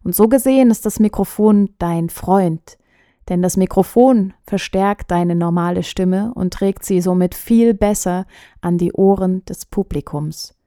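A woman voice coach hosting a podcast, giving calm, direct advice to the listener. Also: mid-range voice, unhurried, dry recording, clean studio sound.

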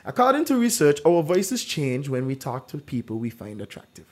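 Hosting a casual true-or-false quiz, the man speaks at a moderate pace in a voice on the high side. He tells his stories with animation and leans heavily on "like."

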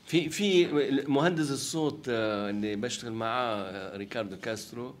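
In this interview, a Palestinian director speaks with a Levantine Arabic accent and a medium pitch, with a little hiss or hum on the recording. His thoughtful answers come haltingly as he hunts for words, and he checks that he's being understood.

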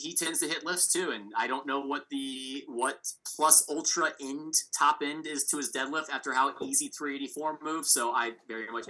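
A man's voice: mid-range voice, pushed and bright, rough recording. A man co-hosting a casual sports chat podcast, thinking aloud through rambling analysis and predictions. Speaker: podcast co-host.

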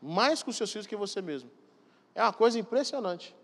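A man delivers a sermon with emphatic conviction and keeps turning to the congregation with direct questions. His voice sits a little on the high side. It rings out through a church hall with a long, lingering reverb. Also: expressive, brisk, a bit bright, husky. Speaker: pastor.

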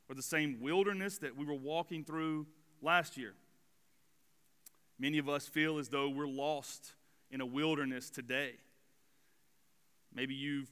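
A man in his forties preaches a sermon in a bright, ringing voice that stays smooth and clear. He talks to the room in a relaxed, chatty way, with plenty of fillers. The church hall lends his voice a long reverb. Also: medium pitch. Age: 40s. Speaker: student pastor. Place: church sanctuary.

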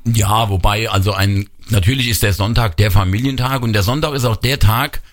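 A man's voice: fairly low pitch, fairly quick. A man, chair of a showmen's association, steadily explaining as a radio guest. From Bad Kreuznach region.

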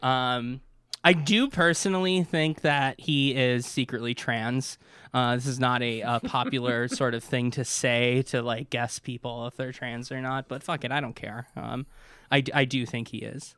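A man chatting casually about baseball on a podcast, blunt and sarcastic, with a lot of swearing. His voice is smooth and resonant. The recording is dry and close, with no room sound. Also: mid-range voice, fairly even intonation, unhurried, a bit bright, dry recording. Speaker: podcast host. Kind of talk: casual sports chat.

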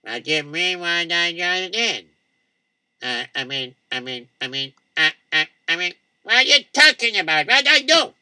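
Excitable defensive shopkeeper, jumpy lively delivery, voiced by a man; dry close sound. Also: on the high side, normal speed, clean tone, no echo, exaggerated voice. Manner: flustered, repeating himself.

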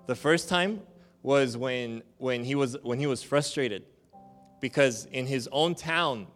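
A male pastor preaching a sermon in a lively, joking, conversational way. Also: mid-range voice.

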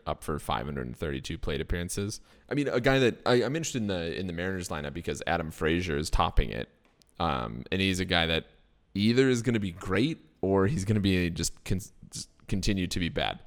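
A low-voiced man talks fantasy baseball in a loose, casual chat. His pitch swings widely, and he jumps between laughs and quick bursts of enthusiasm. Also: lively intonation. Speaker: fantasy baseball podcast co-host.

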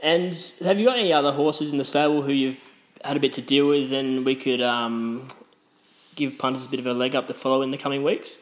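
Man, Australian accent, interviewer, average pitch, casual questioning, friendly, slightly hesitant phrasing. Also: steady tone, brisk.

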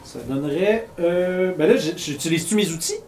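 A man's voice: high voice, lively intonation, a little fast, a little mellow. A man, hesitantly working out a dice roll. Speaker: player.

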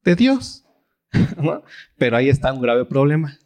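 A man's voice: big pitch swings, a little slow, a little mellow. A man with a Mexican Spanish accent teaching a Bible study in a casual, conversational sermon style, often asking the audience questions and acting out quoted voices. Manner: acts out quoted voices with big pitch swings.

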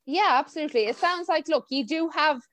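A woman's voice: high voice, fairly quick, a bit bright, no echo. A woman with a west of Ireland accent hosting a podcast in a chatty, informal way. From County Mayo, west of Ireland. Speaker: podcast host. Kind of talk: casual chat. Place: remote video call.

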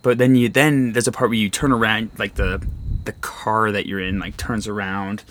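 A man's voice: fairly low pitch, little pitch movement, moderate pace, fairly bright tone, a little hiss or hum. A man hosting a podcast, chatting eagerly and laughing as he retells a day out. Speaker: podcast host. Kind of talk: casual chat.

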